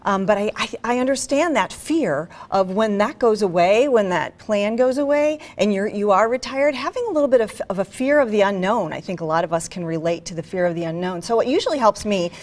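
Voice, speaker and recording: A woman's voice: medium pitch, expressive, fairly quick, few pauses, a little mellow. Friendly woman co-hosting a talk show. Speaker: co-host.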